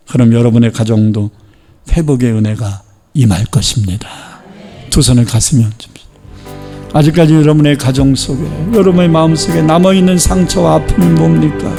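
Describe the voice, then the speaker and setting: A man's voice: high-pitched, gravelly. A man preaching a sermon as pastor and leading the congregation in fervent, impassioned prayer. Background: music.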